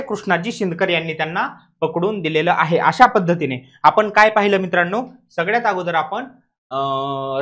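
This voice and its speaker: A man with a Maharashtrian accent lectures as an exam coaching teacher, hammering key points through repetition and posing questions to students that he then answers himself. His voice is high and fairly bright.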